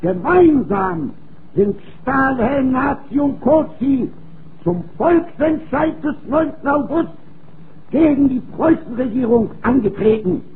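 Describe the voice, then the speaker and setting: A man giving an emphatic, declamatory political campaign speech in deliberate phrases, in the style of the 1930s. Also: extremely high pitch, animated. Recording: tinny, noisy early 1930s recording.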